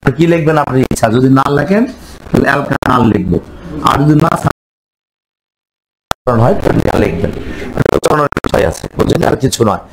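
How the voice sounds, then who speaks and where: A man's voice: mid-range voice, expressive, a little fast, pauses often, heavy background noise. Man lecturing a chemistry class. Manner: quizzes students with repeated questions, answers himself. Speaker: chemistry teacher.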